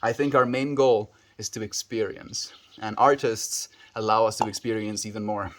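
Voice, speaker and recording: Streaming live, this easygoing man with a South African accent answers viewers, throwing in plenty of dude and bro and leaving sentences unfinished. He speaks at normal speed in a lowish, steady voice with a fairly bright tone.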